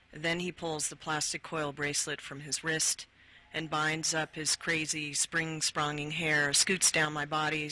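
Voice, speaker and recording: A woman author, interviewed as a guest, who reads from her own book in a slow, deliberate way. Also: low voice, sharp tone, low-quality recording. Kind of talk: interview and reading from her memoir.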